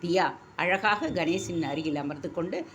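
A woman reading a story aloud in a measured, expressive way. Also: on the low side, slight background noise. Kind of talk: scripted story narration.

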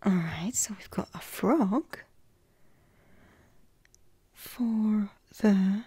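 A woman hosting a tarot deck flip-through at home, talking softly in a half-whisper and gushing over the cute cards. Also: medium pitch, extremely slow, slightly rough, no echo. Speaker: tarot channel host.

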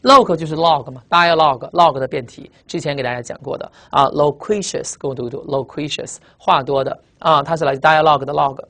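A man teaching a vocabulary class at a quick clip. He breaks words down by their roots and repeats the key phrases for memorizing. He slows right down to pronounce each English word clearly. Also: on the high side, fairly even intonation, bright, forceful tone. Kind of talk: lecture.

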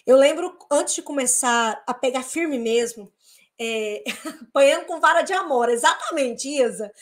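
A woman from Brazil hosting a casual live talk to her followers, blunt and emphatic, swinging between loud outbursts and quiet asides. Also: sits high, expressive, moderate pace. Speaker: host of a live business talk.

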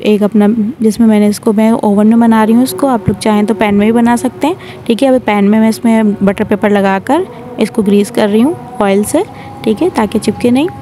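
A woman's voice: medium pitch, dark tone, slight background noise. A woman hosting a home cooking tutorial, talking viewers through each step in a chatty way and often checking in with "theek hai". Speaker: cooking channel host. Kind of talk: recipe tutorial voice-over.

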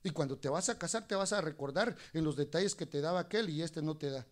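A man preaching a sermon in church, animated, moving between soft asides and loud exclamations, sometimes speaking fast. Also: a little high. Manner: talks fast at times.

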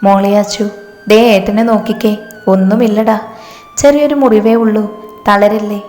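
A gentle, protective man soothing a frightened girl, read by a woman storyteller. The delivery stays level and even. It is heard in an echoing room with long reverb and soft music. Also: mid-range voice, normal speed, close to an everyday voice. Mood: consoling. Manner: soothing, consoling. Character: grown man, gentle protective older brother figure.

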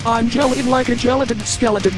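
A man's voice: very high-pitched, steady tone, fast, faint music behind. Quirky, formal droid computer done by a man. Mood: curious. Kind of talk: animated fan drama acting.

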